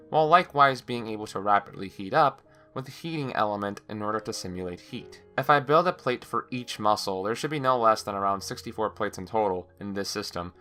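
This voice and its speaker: A man giving a semi-scripted technical monologue as a project journal, explaining things in a measured, wordy, methodical way. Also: on the low side, bright, forceful tone. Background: background music.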